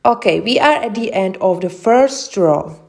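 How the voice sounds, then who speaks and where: A young Czech woman with a Czech accent, giving slow step-by-step crochet instructions with frequent hesitations. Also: medium pitch, expressive, creaky, a little mellow. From Czech Republic. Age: young adult. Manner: slow, careful, with many hesitations. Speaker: crochet tutorial host.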